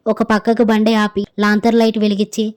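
A woman narrating a village horror story in first person, in a steady storytelling manner. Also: mid-range voice, a little fast, clean tone.

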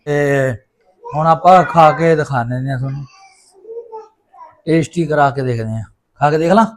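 A man's voice: on the high side, normal speed. A man with a Punjabi accent hosting a casual home food vlog, exclamatory and fond of repeating catchphrases to his viewers. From Punjab, India. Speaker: vlog host.

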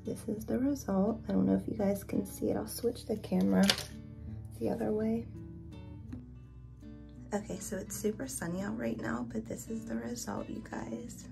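A woman filming a casual vlog, talking excitedly to her viewers and often saying "you guys.". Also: mid-range voice, moderate pace, gravelly, echoey room, music in the background. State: out of breath. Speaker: vlogger. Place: home bathroom.

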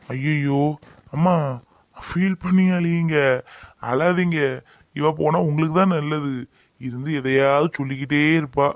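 A man's voice: fairly high pitch, fairly even intonation, fairly quick, dry recording, lightly acted. A man voicing a joking but caring young brother, talking in a light, teasing way.

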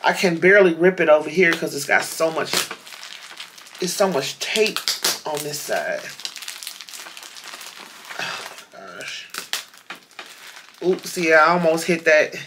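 A woman's voice: deep voice, lively intonation, slow, long pauses, background noise. A woman chatting casually to viewers while unboxing a package at home, with lots of fillers and y'all. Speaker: vlogger.

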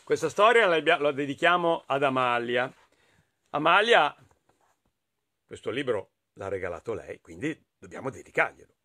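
A man with an Italian accent reading a children's picture book aloud, expressive and playful, talking to his listeners. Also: medium pitch, normal speed. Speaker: storyteller.

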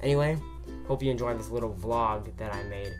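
A teenage boy vlogging in a fast, rambling, excitable way about a day out with friends. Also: fairly low pitch. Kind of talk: casual vlog talk. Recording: music and crowd noise behind.

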